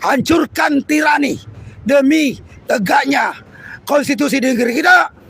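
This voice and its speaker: A man's voice: very high voice, unhurried, fairly bright tone, no room sound. A man with an Indonesian accent giving a fiery revolutionary rally speech as a labour union leader, impassioned and full of slogans. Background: protest crowd responding.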